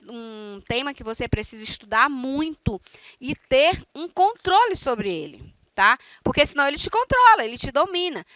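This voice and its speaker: Woman from Brazil, online lesson teacher, bright voice, dry close sound, checks in often. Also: high-pitched, no echo. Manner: explains slowly, checks in with "tá?". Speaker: Spanish teacher.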